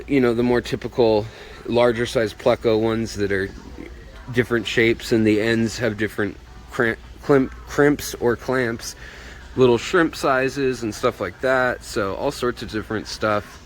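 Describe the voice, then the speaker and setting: A man's voice: mid-range voice, steady tone, a little slow. A man hosting a casual, chatty walk-through vlog, his voice slightly muffled by a face mask, as he shows viewers around a shop. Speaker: host of a shop tour video. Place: inside a pet shop, walking around. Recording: clear background noise, store ambience.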